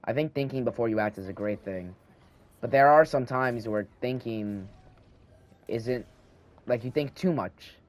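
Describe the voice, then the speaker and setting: This teen gaming channel host has a slight lisp and meanders through casual talk as he plays a video game at home, thinking aloud and restarting often into a handheld microphone. His mid-range voice moves a little slowly and pauses frequently.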